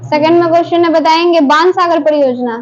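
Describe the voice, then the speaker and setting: A woman teacher quizzes her classroom, briskly pushing students to answer in turn. Her voice sits high. The recording is dull and lo-fi, with faint noise under it. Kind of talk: classroom quiz drill.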